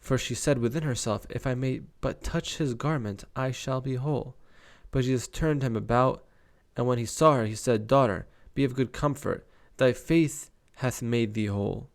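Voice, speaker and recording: A man's voice: medium pitch, normal speed, vocal fry. A young man reading Bible verses aloud and breaking off to comment casually on them. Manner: reads scripture aloud, stops to comment casually.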